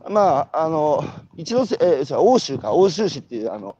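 Animated host with a northern Japanese twang. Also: male voice, fairly high pitch, moderate pace, breathy edge, dull audio. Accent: Tohoku Japanese. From Iwate, Japan. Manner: animated, storytelling with rhetorical questions. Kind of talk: walking conversational interview. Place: outdoors, walking.

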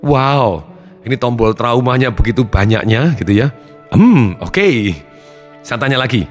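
A man who trains people in trauma therapy, telling a seminar audience about a patient's case in an animated way, acting out voices and counting aloud. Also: medium pitch, unhurried, soft background music. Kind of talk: storytelling seminar talk.

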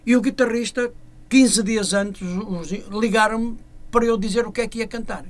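A man's voice: high voice, steady tone, moderate pace. A man from Porto with a northern Portuguese accent, a fado singer chatting in an interview, often repeating words as he searches for them. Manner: hesitant, repeats words and restarts, then recites verse. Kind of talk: casual interview chat.

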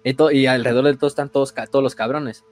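A man with a Mexican accent casually retelling a story, slangy and animated, with many fillers. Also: mid-range voice, fast, no room sound. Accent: Mexican Spanish. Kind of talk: casual chat retelling lore.

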